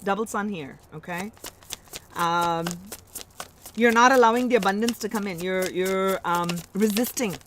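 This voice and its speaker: This tarot reader speaks in a mid-range voice at a slightly slow pace, with a little background noise. Her Indian accent colors a warm, reassuring live reading full of musing and self-interruptions.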